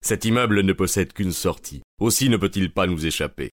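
A man reading an audiobook, voicing an excited police detective in a raised voice. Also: low-pitched, fairly quick, no echo, clean studio sound, close to an everyday voice. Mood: eager.

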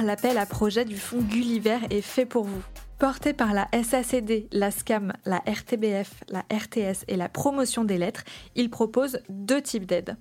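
A woman's voice: on the high side, a little mellow. A woman journalist hosting a podcast, reading scripted narration.

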